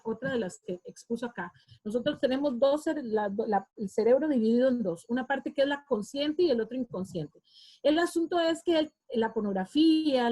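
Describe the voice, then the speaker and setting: A woman's voice: on the high side, a little mellow, breathy edge. A woman with a Costa Rican accent giving an online workshop for parents, speaking informally and often adding fillers and tag questions. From Costa Rica. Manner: informal, often adds "¿verdad?" and "este". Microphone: video call.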